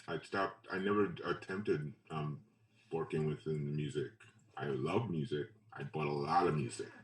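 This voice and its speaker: Interviewed casually, a photographer from Trinidad and Tobago, who later lived in Brooklyn, shares memories in a low voice. His speech is halting and loose, and he keeps circling back over phrases. The mic sits at some distance, giving the room an echoey sound.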